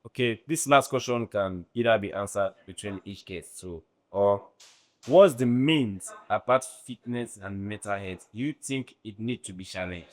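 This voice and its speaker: A man with a Nigerian accent hosting a casual podcast chat, halting and rephrasing his questions as he goes. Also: fairly low pitch. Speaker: podcast host.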